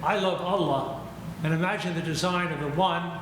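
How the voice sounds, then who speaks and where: An older male guest lecturer speaking in a measured, reflective way, with gentle humor, giving a lecture and taking questions. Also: a little high, fairly even intonation. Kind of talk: academic lecture and Q&A. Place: lecture hall. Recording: echoey hall with ambient noise.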